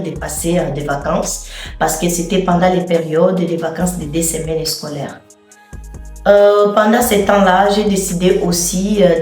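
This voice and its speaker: A woman from Angola chatting casually to camera as a vlogger, unhurried and chatty, with frequent hesitant fillers. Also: lowish voice. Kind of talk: casual unboxing chat to camera. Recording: echoey room from a distance, soft music.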